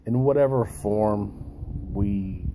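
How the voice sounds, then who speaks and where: A man talking in a musing, halting way with long pauses, as a video host giving a reflective philosophical monologue with a pipe in his mouth. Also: fairly low pitch, background noise.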